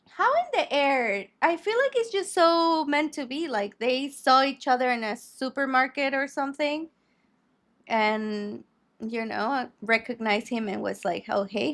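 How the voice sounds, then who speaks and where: A woman co-hosting a casual craft and gossip stream, opinionated and rambling into rants. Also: high voice. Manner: opinionated, rambling, quick to rant. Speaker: podcast co-host. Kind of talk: casual chat while crafting.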